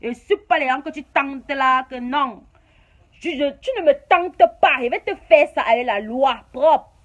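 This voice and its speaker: High-voiced Cameroonian woman ranting. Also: a little slow, dull audio. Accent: Cameroonian French. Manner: confrontational, repeats her jabs, scolding. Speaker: YouTuber. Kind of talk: heated rant to camera.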